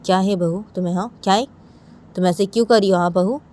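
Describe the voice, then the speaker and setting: A woman voicing an elderly grandmother who scolds her granddaughter-in-law over and over in a shrill, insistent voice. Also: fairly even intonation, quick pace, warm tone, natural voice. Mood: scolding.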